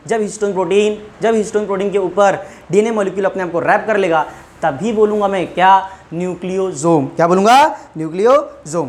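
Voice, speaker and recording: Man drilling a class with quick questions. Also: high-pitched. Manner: quizzes the class and answers his own questions; repeats key terms over and over. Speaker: biology teacher. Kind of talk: online class lecture.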